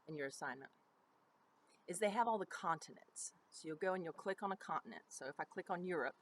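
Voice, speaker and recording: A woman's voice: low-pitched, a bit bright, poor audio. A middle-aged woman teaching a drama lesson in a chatty, explanatory way, with frequent ums and asides. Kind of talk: recorded online lesson.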